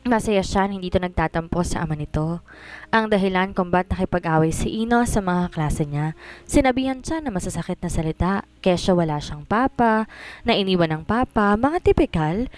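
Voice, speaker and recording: A woman's voice: lowish voice, expressive, fairly quick, darkish tone, low-quality recording. A woman narrating a dramatized story, mixing English into Tagalog.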